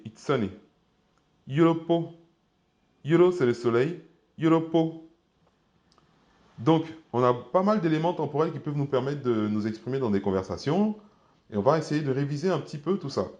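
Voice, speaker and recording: A man teaching an online language lesson, patient, repeating each word slowly with careful tones. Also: medium pitch, darkish tone. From Côte d'Ivoire.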